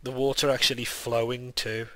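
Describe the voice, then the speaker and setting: A man's voice: medium pitch, little pitch movement, moderate pace, pushed and bright, no room sound. A young man with a lisp and whistling s sounds, giving casual, rambling, self-deprecating game commentary. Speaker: gaming video maker.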